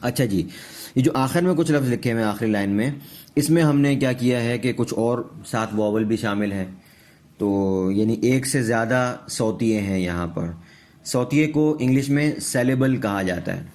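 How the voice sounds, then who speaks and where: A man teaching a pronunciation lesson, slowly repeating example words and checking understanding as he goes. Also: mid-range voice, a little mellow. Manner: slow, repeats words for drilling, checks understanding with tag questions. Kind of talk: classroom-style lesson.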